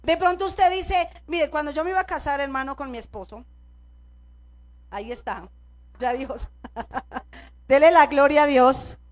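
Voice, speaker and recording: A middle-aged woman pastor preaches with a Colombian accent. Her voice sits very high, and she talks to the congregation directly, drawing them in with calls for agreement and repeated amens between personal stories. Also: a little slow, pauses often. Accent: Colombian Spanish. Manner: personal storytelling, congregation prompts with "amén" and "¿cierto?". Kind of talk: sermon. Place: church.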